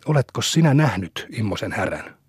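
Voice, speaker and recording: A man voicing an excitable, curious young country boy in an audiobook. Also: lowish voice, breathy edge, dry recording, clean studio sound, full character voice.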